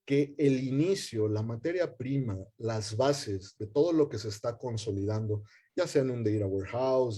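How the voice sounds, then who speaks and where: A man's voice: medium pitch, warm tone, husky. A man in a webinar, explaining data science at length with many fillers and restarts.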